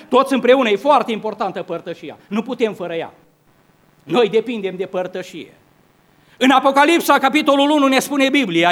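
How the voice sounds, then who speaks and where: A man's voice: very high-pitched, a bit bright. A man preaching a sermon at a church service, earnest, asking rhetorical questions and often restarting his sentences.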